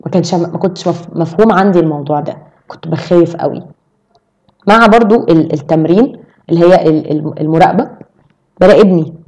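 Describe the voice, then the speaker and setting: Fast-talking Egyptian woman, low dark voice. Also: dull audio. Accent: Egyptian Arabic. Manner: animated, explaining with quick examples. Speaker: podcast guest. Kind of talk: casual chat.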